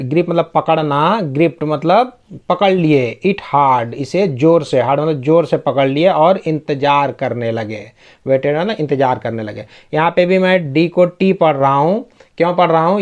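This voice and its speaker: A man, teaching reading in a slow, patient, word-by-word way. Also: high-pitched, lo-fi sound. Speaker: English teacher. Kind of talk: explaining English reading in Hindi.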